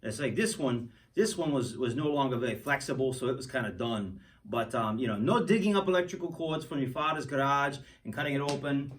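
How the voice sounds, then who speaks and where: A man's voice: mid-range voice, animated, brisk, few pauses, recorded from a distance, low-quality recording. A man hosting a goofy hands-on science demo for kids, joking and rambling with lots of restarts. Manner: playful, jokey, rambling with restarts. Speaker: science show host.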